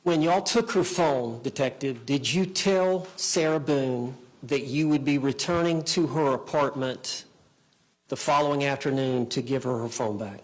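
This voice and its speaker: A man working as an attorney in a courtroom, examining a witness in a halting way, often repeating and rephrasing his questions. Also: medium pitch, poor audio.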